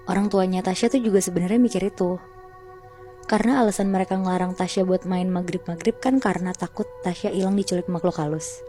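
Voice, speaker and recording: A woman's voice: medium pitch, dark tone. A woman telling a horror story to a friend in a chatty, slangy way, often calling out to her listener.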